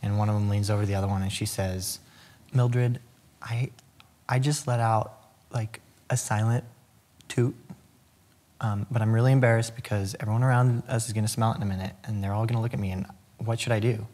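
A middle-aged man with a fairly low voice tells clean jokes in casual back-and-forth. He spins them out like little folksy stories, quoting each character. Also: fairly even intonation, brisk, pauses often, darkish tone. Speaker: contestant in a joke-telling challenge. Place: indoor studio set.

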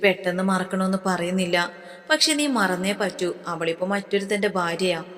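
A woman's voice: lowish voice, normal speed, a bit bright, close to an everyday voice. A woman voicing a young man firmly lecturing his heartbroken friend, in a storybook reading. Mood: scolding. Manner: firm, lecturing. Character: young male friend, firm and scolding. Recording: long reverb.

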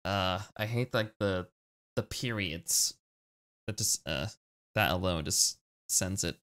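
Low-pitched and slow but fairly bright, this man's voice carries a relaxed let's play where he reads out chat choices, laughs a lot and swears. Keyboard typing and clicks come through clearly in the recording.

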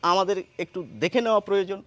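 A man teaching a lesson, explaining step by step and repeating words slowly to show how they sound. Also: high voice, fairly even intonation, a bit bright, no echo. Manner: explains step by step, asks rhetorical questions.

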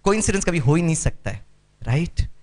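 A man's voice: fairly high pitch, big pitch swings, a little fast, darkish tone. A man from Kerala, giving a spiritual lecture to an audience, mixing Hindi with English and calling for responses. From Kerala, India. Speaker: meditation speaker.

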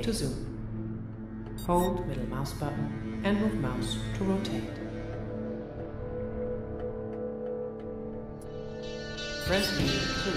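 A low-voiced female computer system speaks with synthetic processing and a formal, measured calm. It delivers scripted game briefings in an echoing space, with music behind it. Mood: neutral, instructive.

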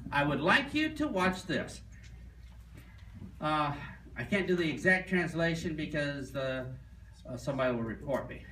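A male sales trainer giving a live seminar lecture in an animated way, quizzing the audience and telling stories. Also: mid-range voice. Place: seminar room. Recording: roomy and distant with faint noise.

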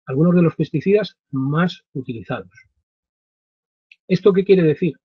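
In a small wood-panelled home study, a man with a slightly high, breathy voice presents a partly improvised explanatory webinar. He speaks deliberately and emphatically with frequent pauses, picked up by a desk-distance webcam microphone that makes the audio dull and roomy.

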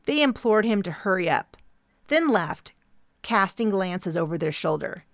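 A woman reading a first-person novel in measured, even audiobook narration. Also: medium pitch, no room sound, clean studio sound.

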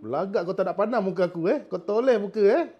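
A man's voice: sits high, fast talker, highs cut off. A middle-aged man with a Malaysian Malay accent, a traditional healer talking to a spirit during a healing session, scolding, coaxing and threatening in turn.

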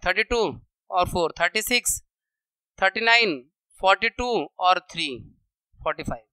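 Guy teaching kids maths, counting stuff out loud step by step, super clear voice. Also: high voice, no echo. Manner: counts aloud, checks in with "okay". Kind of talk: classroom maths lesson.

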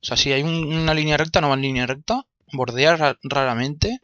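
Brief: young Spanish man, let's play commentary, exasperated and sweary, fairly high bright voice. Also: a little fast, no echo. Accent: Spanish from Spain. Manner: exasperated, swears often, talks to himself. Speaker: gameplay commentator.

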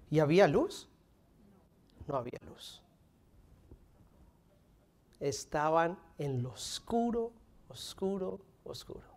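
A man in his thirties delivers a sermon from a stage in a fairly high voice. He preaches with animation, leaning into strong lines and then falling to hushed, intimate phrases. The room mic picks him up from across the stage. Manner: animated preaching, dropping to near whispers for emphasis. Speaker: pastor. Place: stage in front of a curtain, indoors.

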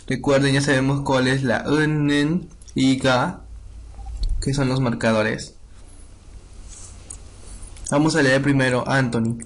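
A young man teaching a Korean language lesson, slowly reading dialogue lines and repeating them for students. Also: medium pitch, fairly even intonation.

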